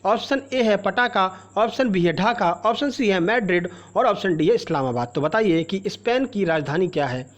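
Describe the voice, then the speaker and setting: A man's voice: high voice, lively intonation, moderate pace, hardly any pauses. A man teaching a general-knowledge quiz for exam preparation, reading out each question and its options, then explaining the answer to the viewer. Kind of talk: exam-prep quiz lesson.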